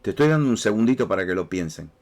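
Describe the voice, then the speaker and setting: Male pastor, Rioplatense accent, lowish voice, casual repetitive sermon delivery. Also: animated, racing, a little mellow. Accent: Rioplatense Spanish. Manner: conversational, repeats words, speaks directly to listeners.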